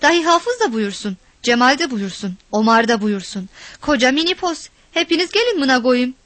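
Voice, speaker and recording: A woman voicing a brisk, bossy village man giving orders in a read story. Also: high-pitched, sing-song, fairly bright tone, dry recording. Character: bossy village man, gruff and rough-spoken.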